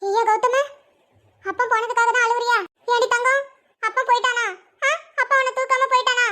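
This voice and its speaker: A woman voicing a fussing elderly grandmother in an animated cartoon, pleading and chiding in a homely way. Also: extremely high pitch, brisk. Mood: scolding gently. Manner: pleading, chiding, rural Tamil grandmotherly speech.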